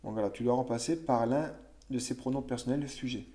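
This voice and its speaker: Explaining French grammar to children, a male teacher speaks in a mellow, relaxed voice of ordinary pitch, though at a brisk pace. He thinks aloud conversationally, using fillers and correcting himself with small restarts along the way.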